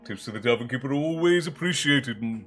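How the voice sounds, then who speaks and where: This livestream host's mid-range voice is lively and a little fast as he trades casual jokes and welcomes viewers by name. A lingering congestion and a slight chesty cough come through. Gentle music runs underneath.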